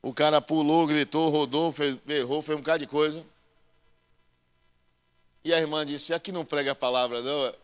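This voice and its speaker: A male pastor preaching a sermon, joking with the congregation and calling them brother, swinging between loud proclaiming and quiet asides. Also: a little high, steady tone, moderate pace, long pauses, smooth. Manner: addresses listeners as brother.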